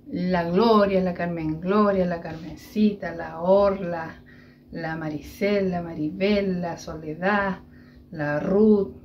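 A woman's voice: on the low side, dull audio, a little hiss or hum. Chatty Chilean woman in her kitchen. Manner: chatty, addresses viewers directly and often. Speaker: vlogger. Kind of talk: casual cooking vlog chat. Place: home kitchen.

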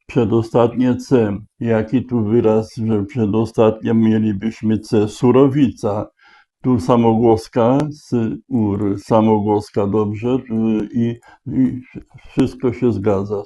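A man thinking aloud as he solves a crossword, slowly spelling out letters and checking each word. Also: on the low side, warm tone. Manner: slow, deliberate, spelling out letters. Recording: dull lo-fi recording.

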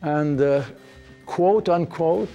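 A man's voice: fairly high pitch, warm tone, lo-fi sound, soft background music. A man who works as a cinematographer, recalling with chuckles how he started out. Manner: chuckling, unhurried recollection. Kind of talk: interview reminiscence.

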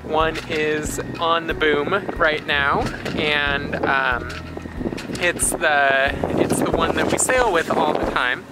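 A sailing vlogger in her thirties holds a camera at arm's length out on a sailboat on open water and narrates casually. Her low voice moves slowly in a relaxed, explanatory way, full of fillers. Loud wind hits the mic, and wind and water fill the background.

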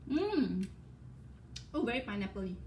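A woman's voice: medium pitch, big pitch swings, measured pace, a little mellow. A woman with a Malaysian English accent reviewing food on a casual livestream, humming and talking with her mouth full while chewing. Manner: chatty, savoring each bite with hums. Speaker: food vlogger. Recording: echoey room with faint background hum.

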